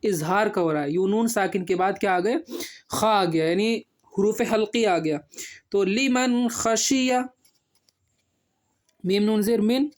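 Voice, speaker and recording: In a patient reading lesson, a man whose voice sits high and sounds a little mellow spells slowly, drawing out each syllable. He proceeds step by step, asking his own questions and answering them.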